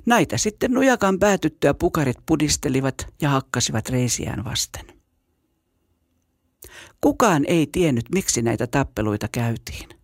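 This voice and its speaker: A storyteller reading a children's story aloud in a steady, measured way. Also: mid-range voice, no room sound, studio quality. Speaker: narrator.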